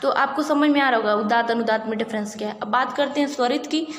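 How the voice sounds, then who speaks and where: Woman, patient teacher, repeats points, slightly high voice, echoey room. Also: quick pace. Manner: patient, repeats key points and checks in with "ठीक है". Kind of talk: exam-prep grammar lesson. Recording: echoey room with long reverb, faint background noise.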